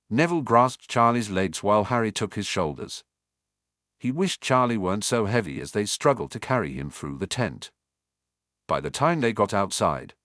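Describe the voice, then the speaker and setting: Expressive male audiobook narrator, low voice. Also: dry recording, clean studio sound. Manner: expressive storytelling. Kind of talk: fan fiction audiobook narration.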